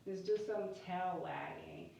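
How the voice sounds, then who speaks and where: A woman guiding an exercise class in a careful, unhurried, deliberate way, cueing step by step in short phrases. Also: lowish voice, gravelly, warm tone. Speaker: yoga and pelvic floor exercise instructor. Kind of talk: guided exercise instruction. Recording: very echoey room, distant mic, muffled, faint noise.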